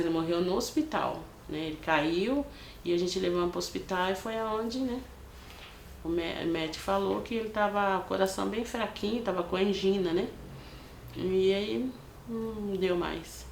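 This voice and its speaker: An older woman with a Brazilian accent from São Paulo state tells a personal story at home. She talks at a middle pitch for a woman and slips into the voices of the people she quotes. The room sounds roomy, with a faint hiss of noise behind her. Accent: Brazilian Portuguese, São Paulo state. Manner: lively storyteller who acts out quoted voices, frequent tag questions. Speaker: interviewee, widow.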